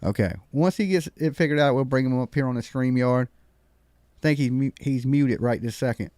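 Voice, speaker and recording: A man's voice: medium pitch, a little fast, a little mellow, no echo. A man hosting a live stream panel, chatting casually in a folksy, slangy way.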